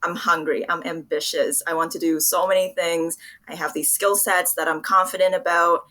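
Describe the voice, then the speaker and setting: Her voice is lowish yet pushed and bright, with a steady tone and moderate pace. She's a young adult from Vietnam who works in public relations, responding to interview questions earnestly, articulately and conversationally.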